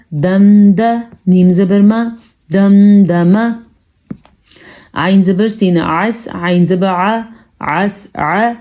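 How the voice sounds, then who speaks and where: Woman teaching Quran reading, mellow voice. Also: mid-range voice, dull audio. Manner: explains briskly, then reads syllables slowly and deliberately; calm instructive tone, addresses listeners as "janab". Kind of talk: tajweed lesson, spelling out syllables.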